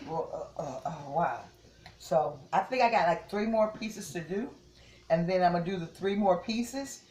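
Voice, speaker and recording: A woman's voice: fairly low pitch, lively intonation, normal speed, darkish tone, reverberant. A woman, chatting casually to viewers as she cooks at home and often repeats "yes, yes" and "okay?". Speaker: home cook. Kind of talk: casual cooking demonstration. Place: home kitchen.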